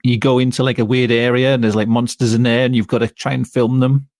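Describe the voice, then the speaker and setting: An easygoing male podcast guest chats casually and pauses often on fillers. His mid-pitched voice has a gravelly fry to it. The sound is dry and close. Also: little pitch movement, a little mellow, no echo. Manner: chatty, easygoing, with hesitant fillers. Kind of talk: casual chat.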